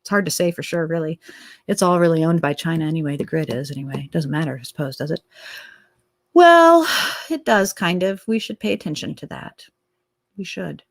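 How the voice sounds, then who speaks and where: A woman's voice: deep voice, a little fast, creaky, no room sound. A woman from Minnesota hosting a solo political commentary show, talking casually and sarcastically, rambling, and dropping into whispered asides.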